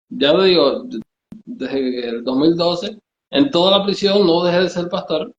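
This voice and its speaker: A man with a Cuban accent, a pastor telling his story in an interview, halting and repeating words as he goes. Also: fairly high pitch, roomy sound, highs cut off, a little hiss or hum. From Cuba. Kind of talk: testimony in a conversational interview.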